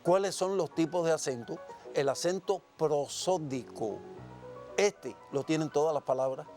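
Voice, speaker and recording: A man from Cuba teaching a televised classroom lesson, explaining slowly and asking and answering his own questions. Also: on the high side, mellow, soft background music.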